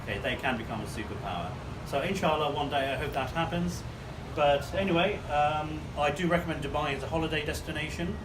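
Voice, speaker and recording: A man's voice: on the high side, brisk, hardly any pauses, recorded from a distance, background noise. A man from Bangladesh, talking to camera outdoors in a city in a rambling monologue full of fillers. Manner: rambling, hesitant, with many fillers. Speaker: vlogger giving commentary.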